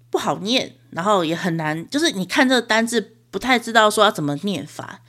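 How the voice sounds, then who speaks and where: A woman's voice: mid-range voice, a bit bright. A young Taiwanese woman hosts her own podcast, speaking in a Taiwanese Mandarin accent. She tells a story alone in a loose, chatty way, poking fun at herself and laughing often. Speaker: podcast host. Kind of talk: casual solo storytelling.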